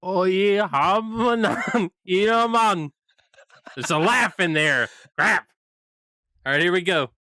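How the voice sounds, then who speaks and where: A man's voice: high voice, dry recording. A man co-hosting a podcast, joking around and laughing through a party game. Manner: animated, joking, slow-paced with bursts of laughter. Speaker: podcast co-host. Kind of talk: casual podcast banter.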